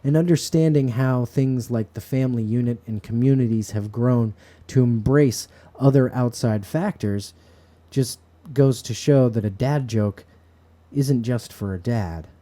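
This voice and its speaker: Man, very mellow dark tone, medium pitch, earnest philosophical musing, reflective monologue to camera, bedroom recording. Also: unhurried. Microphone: camera set up in front of him.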